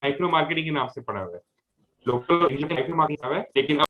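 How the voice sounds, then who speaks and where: A man's voice: on the high side, expressive, rapid-fire. Male teacher's voice breaking up on a choppy call. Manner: explains step by step, often checking with "ठीक है". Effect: choppy audio cutting out over an online call. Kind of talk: online class lecture. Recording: lo-fi online call audio.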